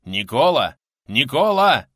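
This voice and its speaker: Male narrator playing a loud, slow-talking bearded warrior with a swinging voice, dry close sound. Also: medium pitch, animated, dry recording, close to an everyday voice. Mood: worried.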